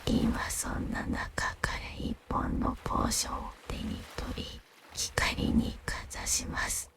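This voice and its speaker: Woman, whispered ASMR narration, breathy, crackly low texture, unhurried, soothing, gentle scripted storytelling. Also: monotone.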